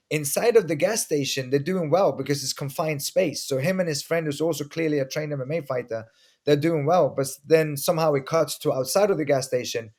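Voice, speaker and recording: A middle-aged Swedish martial arts instructor, appearing as a guest in a casual interview, explains self-defense through earnest stories and frequent restarts. His voice is fairly high and a little mellow.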